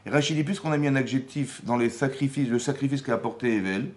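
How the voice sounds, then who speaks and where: A man giving a lively Torah class as rabbi, asking the room rhetorical questions and acting out the dialogue he explains. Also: medium pitch, fast. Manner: animated, acts out quoted dialogue, rhetorical questions. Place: Paris community hall.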